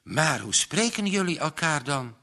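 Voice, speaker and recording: A man playing an eager, sincere young man in a storybook, his voice pitched a little higher than the narration. His tone is bright and lively, and he asks his questions slowly. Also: exaggerated voice. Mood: earnest. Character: searching, sincere young man, easily stirred.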